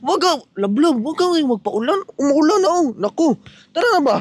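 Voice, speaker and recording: A man's voice: very high-pitched, very animated, moderate pace. A young man vlogging casually outdoors in the rain, coaxing and pleading with his girlfriend and repeating pet names. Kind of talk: casual vlog chat.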